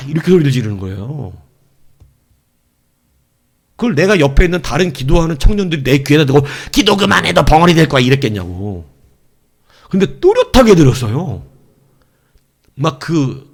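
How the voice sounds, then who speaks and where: A male pastor preaching a sermon in a lively way, acting out the devil's taunts in other voices. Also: a little high.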